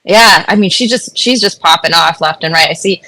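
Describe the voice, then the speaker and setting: A woman's voice: lowish voice, moderate pace, pushed and bright, rough recording. A woman co-hosting a podcast, teasing her co-hosts in casual chat. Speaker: podcast co-host.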